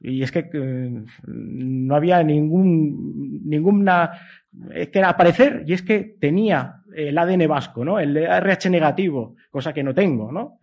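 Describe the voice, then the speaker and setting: Giving a semi-improvised academic talk, a middle-aged man from Spain's Basque Country and Galicia speaks with a Castilian Spanish accent in a slightly high, creaky voice at a measured pace. He wanders and hesitates, often tacking on checking tags, over dull lo-fi audio.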